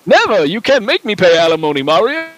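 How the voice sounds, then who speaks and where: Luigi comes out as a whining, shirking plumber husband, hammed up with a high, lively pitch, as a man puts him on. The delivery is jokey and exaggerated, with a dry, close sound. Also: a little fast, dry recording. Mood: whiny.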